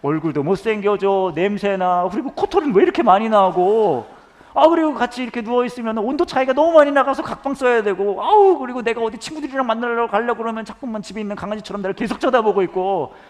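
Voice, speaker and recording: A man's voice: high voice, animated, fast talker, a little mellow, voice pushed up. A man voicing a chatty older church deaconess who griping nonstop about her retired husband, exasperated and nagging.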